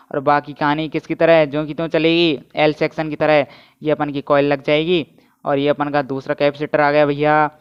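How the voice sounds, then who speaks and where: A man's voice: a little high, clear, resonant tone. A man teaching physics, constantly quizzing his students and urging them to comment. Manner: keeps asking students to answer and comment; energetic, repetitive teaching. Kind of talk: energetic online lecture. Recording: dull, muffled lo-fi audio.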